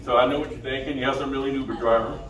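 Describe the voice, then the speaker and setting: A man's voice: medium pitch, fairly even intonation, racing, a bit bright. A middle-aged man doing amateur stand-up at an open mic, hesitant and self-deprecating with nervous stage fright. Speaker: first-time stand-up comedian. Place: small indoor comedy club stage. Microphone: handheld stage mic, filmed from the back of the room. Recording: echoey club from far off, crowd noise. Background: audience chatter and laughter.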